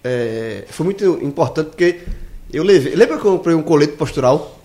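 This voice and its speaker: A man's voice: fairly high pitch, expressive, moderate pace, dark tone. A man telling a rambling story in a casual podcast chat. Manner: rambling storyteller, restarts often. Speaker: podcast co-host.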